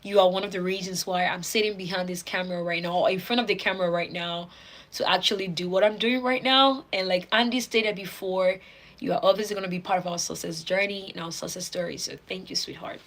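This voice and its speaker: A woman's voice: on the low side, fairly even intonation, quick pace, fairly bright tone, rough recording. A young woman hosting a casual livestream, reading out viewer comments in a bubbly way, laughing often and repeating words for emphasis. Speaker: livestream host.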